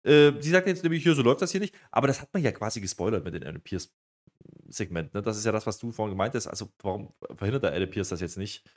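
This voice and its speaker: A man hosting a casual wrestling review chat, animated and acting out quotes as he goes. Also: fairly low pitch, fast talker. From Germany.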